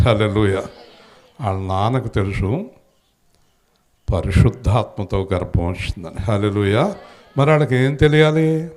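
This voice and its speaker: A middle-aged man preaching a sermon as pastor, calling on the congregation to answer and building to loud, dramatic peaks. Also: lowish voice. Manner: calls the congregation to respond, dramatic rising emphasis.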